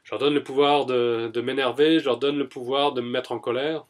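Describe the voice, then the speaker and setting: A man speaking for himself in an EFT tapping demonstration, his voice set at an ordinary middle pitch. He talks in short first-person statements that he repeats again and again, pressing hard and sounding fed up before he eases into a softer, more settled delivery. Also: steady tone, a little fast. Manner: emphatic and exasperated. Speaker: EFT practitioner.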